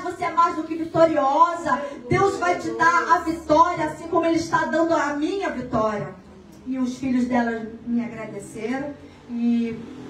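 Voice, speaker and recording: A woman's voice: high-pitched, slight background noise. A Brazilian woman giving an emotional religious testimony, telling her story with growing fervor. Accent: Brazilian Portuguese. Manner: emotional storytelling, rising to fervent. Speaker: testimony speaker. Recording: echoey room from far off.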